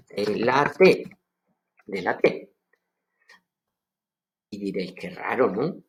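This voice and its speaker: A man from Seville with an Andalusian accent, teaching an online language lesson and enthusiastically explaining words, repeating them slowly. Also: mid-range voice. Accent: Andalusian Spanish. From Seville, Spain. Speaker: Aramaic teacher.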